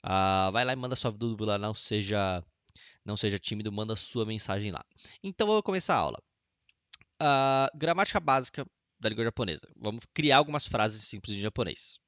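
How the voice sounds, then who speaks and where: A man's voice: on the low side, expressive, a little fast, a bit bright, no room sound, studio quality. A young man giving a casual video lesson, chatty and explaining with repeated examples and little jokes. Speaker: Japanese language teacher.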